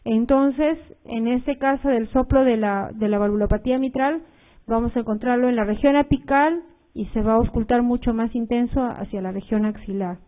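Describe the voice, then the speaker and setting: A woman's voice: fairly high pitch, moderate pace. Woman lecturing over a tinny line. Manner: explanatory, uses fillers like "este" and "eh"; repeats key points, addresses students directly. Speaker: medical lecturer. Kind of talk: recorded cardiology lecture over slides. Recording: tinny phone-like audio.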